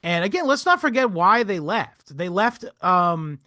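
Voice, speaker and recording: A young adult man co-hosting a casual history podcast, rambling and animated, swearing and laughing often. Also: high voice, measured pace, no echo, studio quality. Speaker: podcast co-host.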